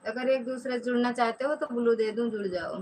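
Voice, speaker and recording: Streaming live from her home, this Pratapgarh woman with an Awadhi-flavored Hindi accent chats away, welcoming each viewer by name and drawing out her words. She talks fairly quickly in a slightly high, darkish voice. There's a bit of hiss or hum on the rough recording.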